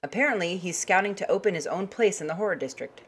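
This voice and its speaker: A brash, foul-mouthed puppet co-host trading sarcastic jabs, voiced by a woman. Her voice sits fairly low for a woman, with a cheeky bite. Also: lively intonation, fast talker, a bit bright, breathy edge. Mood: sassy. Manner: brash, sarcastic, swears freely.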